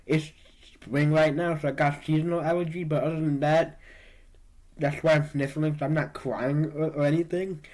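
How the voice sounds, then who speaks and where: A man co-hosting a casual podcast chat, sniffly from allergies and talking in a relaxed, chatty way. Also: fairly high pitch, normal speed, rough recording. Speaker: podcast co-host.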